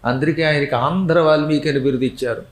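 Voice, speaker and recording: A man giving a devotional scripture discourse, telling stories animatedly, acting out the people he quotes and chanting verses slowly. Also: on the high side, steady tone, echoey room, poor audio.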